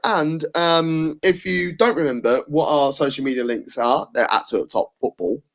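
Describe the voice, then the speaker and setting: A man's voice: a little high, normal speed, fairly bright tone. A man from England hosting a casual football debate podcast, blunt and opinionated, with lots of fillers and restarts. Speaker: podcast host.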